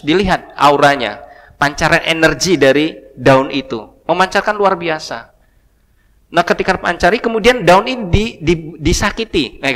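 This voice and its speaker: Preacher guy w telling a story in a mosque hall, big echo, jumps loud then drops soft. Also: fairly high pitch. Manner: storytelling, animated rises and soft asides. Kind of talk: sermon lecture. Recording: long hall reverb.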